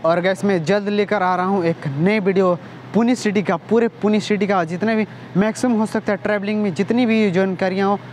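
High-voiced young man vlogging on a rooftop. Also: steady tone, fairly quick, darkish tone. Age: young adult. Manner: hesitant, many fillers and restarts. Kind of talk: casual explainer vlog. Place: rooftop outdoors over an industrial area. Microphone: phone camera held close. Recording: outdoor phone recording with faint street noise.

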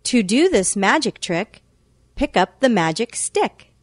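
A woman's voice: mid-range voice, very animated, measured pace, no echo, clean studio sound. A woman reading scripted instructions as narrator of a children's reading game, with careful phrasing. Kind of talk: scripted read-along instruction.

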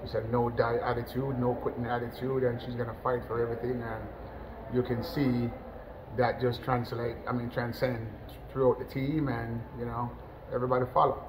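A middle-aged Jamaican national team football coach chats easily in a post-match interview over a webcam, indoors before a sponsor backdrop. His voice is of average pitch for a man and normal speed, and he rambles a bit with many "you know" fillers and restarts. A steady, clearly audible noise runs beneath.

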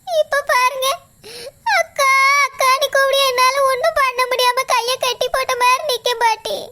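A woman's voice: very high voice, fairly even intonation, normal speed, sharp tone. A woman voicing a young cartoon elder sister who frets and pleads over her sibling. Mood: distraught. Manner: lamenting, pleading. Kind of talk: cartoon voice acting.

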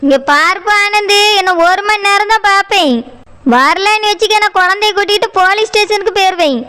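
A stern, outspoken village woman in a cartoon, voiced by a woman, scolding in a Tirunelveli accent with a very high, piercing voice. Her lines are indignant and firm. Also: a little fast, bright, forceful tone. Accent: Tirunelveli Tamil. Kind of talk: cartoon voice acting.

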